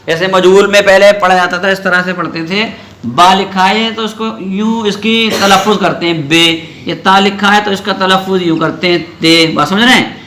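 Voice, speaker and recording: A man's voice: sits high, steady tone, sharp tone, slight background noise. A man teaching Quran reading. He asks his class questions, answers them himself, and draws out the letter sounds in a sung way.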